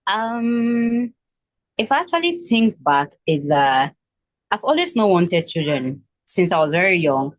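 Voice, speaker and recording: A woman's voice: on the low side, big pitch swings, measured pace, no room sound. A Nigerian woman in her twenties speaking as an interview guest, hesitant, with frequent restarts and fillers. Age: 20s. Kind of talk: casual interview.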